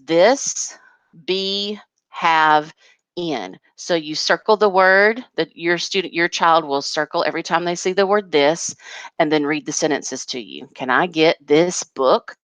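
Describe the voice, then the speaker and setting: A woman's voice: lowish voice, unhurried, fairly bright tone, no room sound. A woman kindergarten teacher patiently walking parents through a home learning packet, step by step.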